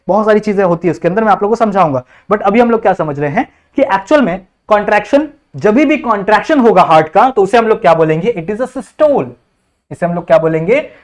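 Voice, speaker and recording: A man with an Indian accent teaching biology in a classroom-style lecture, mixing Hindi with English terms and often asking students whether they understand. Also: high-pitched. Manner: keeps checking understanding with repeated questions.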